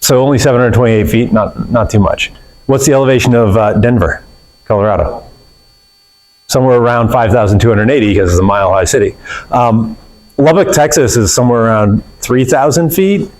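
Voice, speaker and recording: A male physics teacher gives a casual classroom lecture, filling gaps with fillers and correcting himself along the way. He speaks fairly quickly in a medium-pitched voice with a darkish tone, and the audio is poor.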